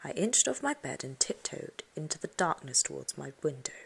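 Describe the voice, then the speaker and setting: A low-voiced woman narrates a children's story in the first person as an audiobook narrator, her gravelly, husky voice moving at normal speed. She reads with lively, suspenseful animation, swinging between expressive emphasis and hushed tones.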